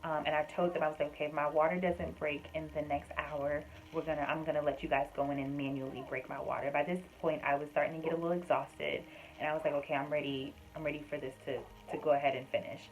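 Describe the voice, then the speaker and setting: A woman's voice: deep voice, little pitch movement, fast, slight background noise, rough recording. A young woman casually recounting a personal story to her viewers, chatty, with frequent fillers and addressing them as "y'all". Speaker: vlogger sharing her birth story.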